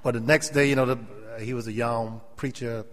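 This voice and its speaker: This middle-aged Gullah Geechee-accented elder from South Carolina, United States, preaches briskly in a medium-pitched, fairly bright voice with fairly even intonation. Before an audience in a large, echoing hall with long reverb, he delivers a humorous, anecdotal sermon, repeating phrases and calling for amens.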